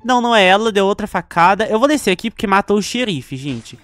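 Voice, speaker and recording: A man's voice: sits high, lively intonation, quick pace, fairly bright tone, no room sound. A young man with a Brazilian Portuguese accent, giving chatty gameplay commentary with dramatic outbursts. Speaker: gaming YouTuber.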